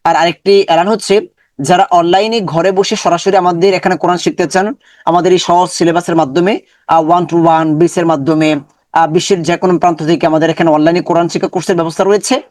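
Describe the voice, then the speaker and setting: High-voiced man teaching Quran reading. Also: a little mellow, no echo, studio quality. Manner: explains step by step with frequent fillers and inshallah; slow drawn-out recitation when reading verses. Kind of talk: online Quran lesson.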